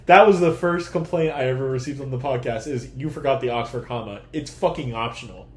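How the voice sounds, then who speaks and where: A man's voice: medium pitch, brisk, echoey room, slight background noise. A young man co-hosting a casual movie podcast, laughing often and swearing freely, recorded on a laptop microphone. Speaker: podcast co-host. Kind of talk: casual chat.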